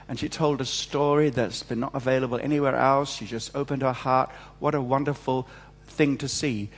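A man's voice: mid-range voice, fairly even intonation, moderate pace. Give me a jovial man at a pulpit microphone. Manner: jovial, self-mocking, chatty. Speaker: church service leader giving announcements. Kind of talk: church notices from the front. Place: large church hall. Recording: long church hall reverb.

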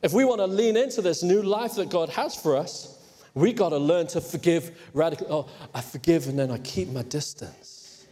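A pastor from Hong Kong preaches emphatically in church, now and then teasing his congregation. His male voice is a little high and warm at a moderate pace, carried on a long hall reverb.

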